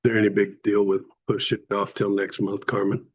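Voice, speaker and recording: A man with a fairly low, husky voice speaks up at a town council meeting. He talks casually, often leaving sentences half finished. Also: level tone, a little fast. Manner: casual and chatty, trails off mid-sentence. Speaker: council member.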